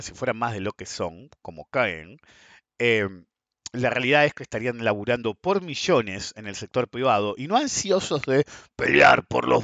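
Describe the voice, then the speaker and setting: A man in his fifties speaks with a Rioplatense Argentine accent. He delivers a blunt, sarcastic podcast monologue, and his pitch swings widely as he mocks and scoffs. The recording is dry and close, with no room sound. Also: creaky, pushed and bright, dry recording, muffled recording. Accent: Argentine Spanish (Rioplatense). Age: 50s. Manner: sarcastic, blunt, swears freely. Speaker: podcast host. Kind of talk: opinionated monologue.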